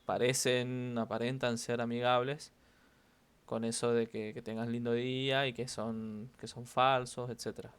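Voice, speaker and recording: A man's voice: mid-range voice, level tone, measured pace, clean tone. Man, Rioplatense accent, teacher, walks through intonation patterns by repeating example phrases with stress. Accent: Rioplatense Spanish. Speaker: English teacher. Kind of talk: online class explaining intonation.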